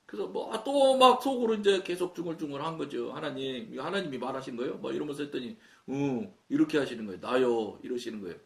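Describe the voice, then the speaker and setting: This Chungcheong-accented pastor from Chungcheong, Korea, preaches fast with few pauses, his medium-pitched voice creaky. He tells his story during the sermon and voices the dialogue himself, recorded in a reverberant room from a distance.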